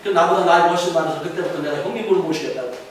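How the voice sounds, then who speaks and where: A middle-aged man preaching a sermon as pastor, telling stories and rising to fervent shouts. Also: a little high, very fast. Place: church sanctuary. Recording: very echoey hall from far off, faint noise.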